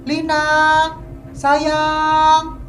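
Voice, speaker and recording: A woman voicing a panicked young male hiker who calls out loudly for his missing girlfriend. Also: on the high side, unhurried, lightly acted. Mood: shouting. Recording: echoey room.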